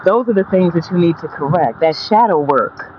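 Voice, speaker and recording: Medium-pitched and animated at a moderate pace, this motivational vlogger delivers casual, profane straight talk on a walk. The monologue is blunt and emphatic, with repeated phrases driving each point. The audio is dull and lo-fi, with faint background noise.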